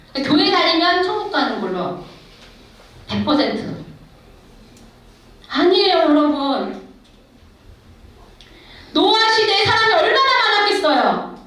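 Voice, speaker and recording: High, animated woman preaching in an echoey hall. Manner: emphatic, exhorting, addresses the congregation directly. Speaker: missionary preacher. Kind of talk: testimony sermon at a church revival. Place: church sanctuary. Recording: echoey hall, far from the mic.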